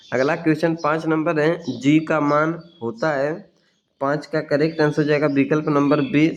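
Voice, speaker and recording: A man tutoring students, briskly reading out exam questions and their answers one after another. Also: a little high. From Bihar, India. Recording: dull lo-fi sound.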